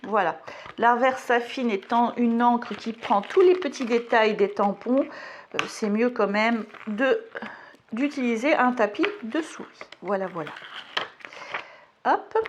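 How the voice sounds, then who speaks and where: Her voice runs on the high side and she takes her time, with a little hiss or hum audible. The woman is a vlogger showing craft stamps at her home table, rambling casually through a haul and demo and teasing herself along the way.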